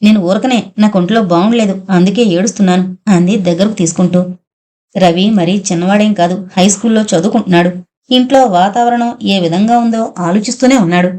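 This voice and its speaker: A woman's voice: mid-range voice, fairly quick, dark tone. Woman, audiobook narrator, storytelling delivery, shifts tone for dialogue. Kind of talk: narrating a novel, reading all the characters' lines.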